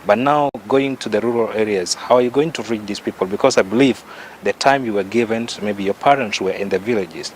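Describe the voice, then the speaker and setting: A man's voice: fairly low pitch, brisk, slight background noise, poor audio. A man hosting a radio interview, asking long, winding questions with emphatic stresses. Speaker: radio host.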